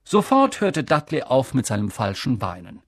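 A man reading a children's novel aloud in measured, expressive storytelling. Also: medium pitch, vocal fry, dry recording. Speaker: audiobook reader. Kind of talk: scripted storybook narration.

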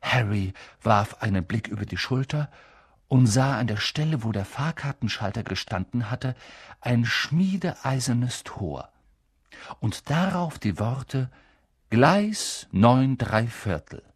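Ein Mann, der ein Hörbuch langsam und sehr ausdrucksvoll vorliest. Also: male voice, mid-range voice, breathy edge, no room sound, studio quality. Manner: slow, very expressive reading. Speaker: audiobook reader. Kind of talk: scripted narration.

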